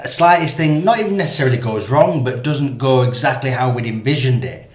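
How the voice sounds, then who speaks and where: A man's voice: medium pitch, a little fast. A man hosting a podcast, talking in an easygoing, reflective way. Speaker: podcast host. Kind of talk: casual podcast chat. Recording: roomy echo.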